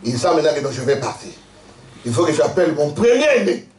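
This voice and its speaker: A man preaching a lively sermon as pastor, telling stories with frequent laughter and quizzing his congregation. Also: a little high, brisk. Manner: animated storytelling, laughing often, quizzing the congregation. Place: church hall. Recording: echoey church hall, mic at a distance.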